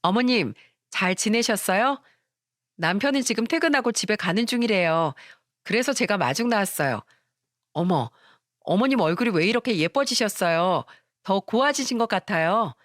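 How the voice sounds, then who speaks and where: A woman's voice: expressive, moderate pace, dry recording, studio quality, close to an everyday voice. A woman voicing a sweet-talking, two-faced young daughter-in-law with a fawning, coaxing manner in a radio story. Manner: fawning, coaxing, shrill when cornered.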